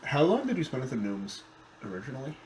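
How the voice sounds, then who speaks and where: A man's voice: medium pitch, wildly swooping pitch, quick pace, darkish tone, echoey room, slight background noise, low-quality recording. A man playing in a tabletop game, casual and full of questions. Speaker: player.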